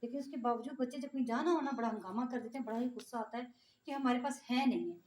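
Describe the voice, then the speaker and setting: Exasperated fast-talking Pakistani mother. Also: a little high, darkish tone. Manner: exasperated, complaining, talks straight to viewers. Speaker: vlogger, mother. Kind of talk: casual vlog monologue.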